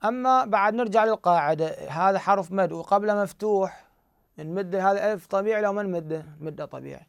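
Iraqi male teacher, somewhat high and smooth voice, dry close sound, poses questions then answers them, repeats key words slowly. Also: no echo. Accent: Iraqi Arabic. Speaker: Quran recitation teacher. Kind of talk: explanatory grammar lesson.

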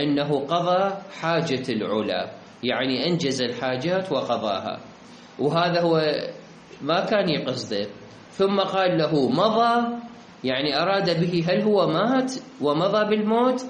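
A man's voice: on the high side, lively intonation, moderate pace, pauses often. A man teaching a lesson. He explains each example by going back over the question and the answer. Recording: echoey room with faint ambient hum.

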